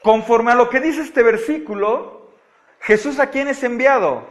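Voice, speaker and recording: Animated high-voiced man teaching scripture. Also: unhurried. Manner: animated, asks the audience frequent checking questions. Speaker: Bible study teacher. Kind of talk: Bible study teaching. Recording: audio-only recording of a live talk.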